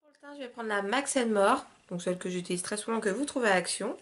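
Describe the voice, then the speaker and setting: A woman talks through her makeup routine in a relaxed, chatty way, her voice sitting at an ordinary middle pitch. She fills pauses with little hesitations and "hop" sounds and drops into softer asides as she works. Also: over loud music. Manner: chatty, loose, with frequent "euh", "hop" and "voilà". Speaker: beauty vlogger. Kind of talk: casual makeup tutorial chat.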